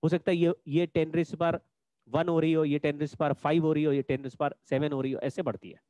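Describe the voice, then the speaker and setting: A man's voice: on the high side, little pitch movement, moderate pace, warm tone, no room sound, dull audio. A man teaching a physics lesson in an online class, explaining patiently and repeating the key points.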